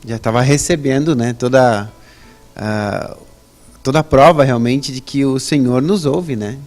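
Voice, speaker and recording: A man's voice: unhurried, faint music behind. Man telling his testimony. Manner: conversational, tags sentences with "né?"; lively storytelling with rising pitch on emphasis. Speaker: interview guest. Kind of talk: personal religious testimony.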